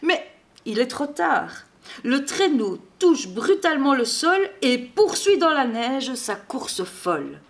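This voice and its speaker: A woman reading a children's Christmas storybook aloud in an expressive, measured way. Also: sits high.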